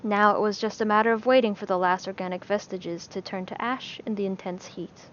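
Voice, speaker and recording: A woman narrating a fantasy story in a measured, steady storytelling voice. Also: medium pitch, a little hiss or hum. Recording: slightly dull lo-fi recording.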